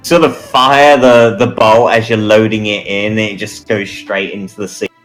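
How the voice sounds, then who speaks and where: A man narrating as game master, measured and pausing often with fillers. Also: on the low side, fairly even intonation, faint music behind.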